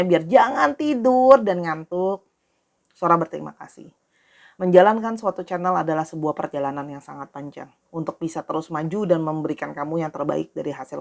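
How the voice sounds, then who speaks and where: A woman doing a casual tarot reading, talking straight to her viewers in a friendly, repetitive way. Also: low-pitched. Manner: friendly, talks directly to viewers, repeats herself. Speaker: tarot reader.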